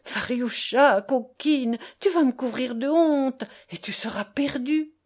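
Brief: stern old grandfather, solemn and forceful, louder than the narration, read by a woman. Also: a little high, very animated, measured pace. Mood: pleading. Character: stern old grandfather, commanding then pleading.

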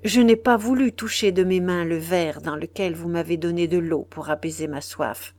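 A woman reading a storybook voices a cold, disdainful male stranger who speaks slowly, calmly and melodiously. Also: fairly low pitch, lightly acted. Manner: singularly calm and melodious, slow.

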